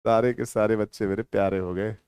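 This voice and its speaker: A male teacher giving a lesson in a lively, teasing manner, at times explaining loudly and at times mumbling quietly while writing. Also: fairly low pitch, a little fast, clean tone, no echo, studio quality. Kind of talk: online lecture.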